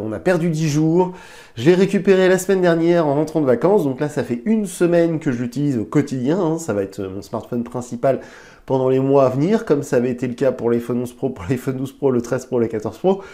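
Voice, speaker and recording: A tech reviewer and channel host, stuffy and nasal from a cold, talks into a lapel mic during a casual review. He's chatty, with fillers and restarts, and his voice is a little high and mellow.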